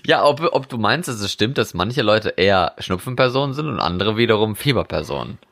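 A man's voice: on the low side, lively intonation, fairly quick, gravelly, fairly bright tone. A man chatting casually, rambling and often laughing as he talks. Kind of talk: casual chat.

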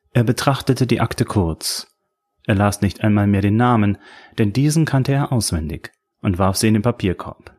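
Man, audiobook narration, wry and measured, low pitch, husky voice. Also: darkish tone.

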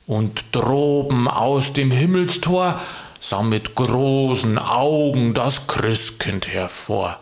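A man playing Saint Nicholas, an old bishop who recites and questions solemnly and slowly. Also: medium pitch. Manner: slow, drawn-out solemn recital.

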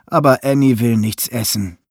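A man reading a children's story aloud in a lively, expressive way. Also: mid-range voice, moderate pace, slightly rough, dry recording, clean studio sound. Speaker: narrator.

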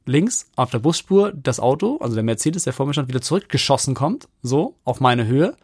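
A man's voice: mid-range voice, breathy edge, dry recording, clean studio sound. A man co-hosting a podcast, animatedly telling an anecdote in a casual chat with lots of fillers. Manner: animated storyteller, rapid with many fillers. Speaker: podcast co-host.

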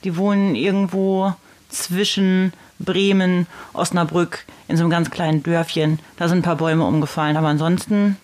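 A woman's voice: on the low side, level tone, moderate pace, darkish tone. Woman co-host, cheerful and teasing, casual chat. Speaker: podcast co-host. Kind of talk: casual chat, introducing a guest.

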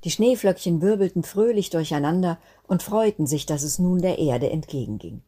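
A woman narrating a Christmas children's story in a gentle, expressive reading manner. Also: fairly low pitch, normal speed. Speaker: guest storyteller.

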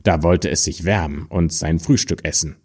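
A man's voice: low-pitched, slightly rough. A man reading an old fairy tale aloud in a storytelling style. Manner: slow, lively storytelling, raising his voice for quoted figures.

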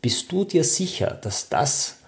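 Calm, patient old sage, as a man reads him aloud. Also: a little high, slow, pitched above the performer's own voice. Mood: calm questioning. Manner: calm, questioning. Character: wise old male philosopher, calm and patient.

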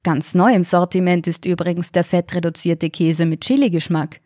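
A woman's voice: lowish voice, steady tone, normal speed, dark tone, no echo, clean studio sound, lightly acted. A woman voicing a condescending, overly polite male robot shop assistant in a story podcast. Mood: smugly polite.

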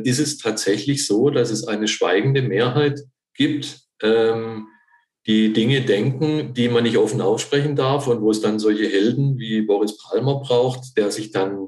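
A man's voice: fairly low pitch, a little mellow, reverberant. A man, a newspaper author invited as a guest, analyses the issue thoughtfully with hesitations and frequent restarts. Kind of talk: analytical conversation.

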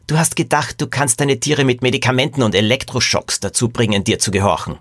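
A man's voice: medium pitch, brisk, a bit bright, no room sound, studio quality, natural voice. A man voicing an earnest, indignant male animal trainer in a children's mystery.

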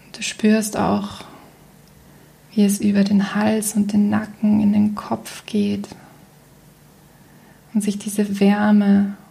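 Soft, half-whispering woman guiding meditation, very unhurried. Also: mid-range voice. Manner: soft, breathy, near-whispered delivery; calm and soothing, with long pauses. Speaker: guided meditation leader. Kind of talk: guided meditation.

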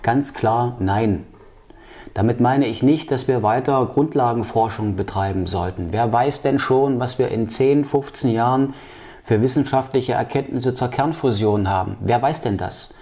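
A man's voice: mid-range voice, a little mellow. A man answering interview questions about policy, with frequent fillers and restarts. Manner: halting, many fillers and restarts. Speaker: political candidate.

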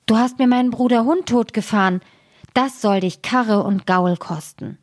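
A woman reading a fairy tale aloud, voicing a bold, vengeful male sparrow in a high, sharp, taunting tone. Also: moderate pace, dry recording, clean studio sound, lightly acted. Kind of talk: storybook reading.

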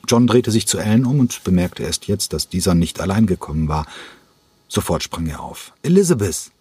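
Deep husky guy reading a novel, close dry mic. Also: lively intonation, moderate pace, warm tone, no room sound. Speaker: audiobook narrator. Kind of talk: scripted narration.

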